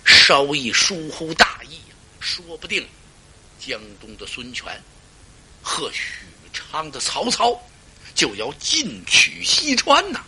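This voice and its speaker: Give me a dramatic male storyteller who talks slowly in a slightly high voice. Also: very animated, bright, forceful tone. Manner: dramatic, with asides to the listener. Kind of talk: traditional storytelling performance.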